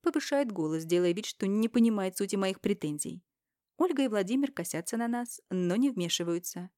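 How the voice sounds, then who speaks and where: A woman narrating a first-person audiobook, dramatic and emotional, rising to shouts in dialogue. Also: medium pitch, lively intonation, a little fast, no room sound, studio quality.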